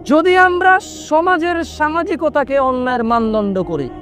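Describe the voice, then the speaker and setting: A middle-aged man preaching a sermon in an animated way, mixing in English words and acting out little dialogues. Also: extremely high pitch, unhurried, faint music behind. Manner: acts out dialogues in different voices. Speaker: Islamic preacher.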